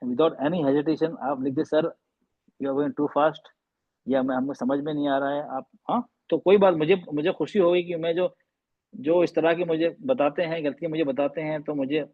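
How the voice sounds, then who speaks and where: A man's voice: fairly high pitch, no room sound. Guy teaching an online class, repeats sounds over and over, mixes in english, dull dry call mic. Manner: patient, repeats and drills sounds; mixes English phrases into Hindi. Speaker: Arabic reading teacher. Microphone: video call microphone.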